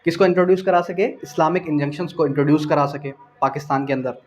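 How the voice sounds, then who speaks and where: A fast-talking man with a slightly high but darkish, steady voice and a Pakistani accent delivers an exam-prep law lecture on lo-fi audio. He explains point by point in a didactic way, repeating phrases, asking rhetorical questions, and mixing in English legal terms.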